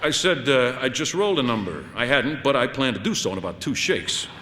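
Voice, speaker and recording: An audiobook narrator tells a first-person short story in a wry, conversational, dramatic manner, slipping into dialogue at times. His mid-range voice swings widely in pitch and moves fairly quickly. Background noise and long, hall-like reverb color the recording.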